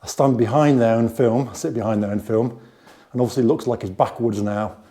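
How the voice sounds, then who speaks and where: In a casual walking-tour vlog, a British man from the UK shows off his indoor office studio on a handheld camera, talking in a rambling way with frequent fillers and restarts. He speaks briskly in a mellow, medium-pitched voice with fairly even intonation. The room sounds echoey through the camera mic.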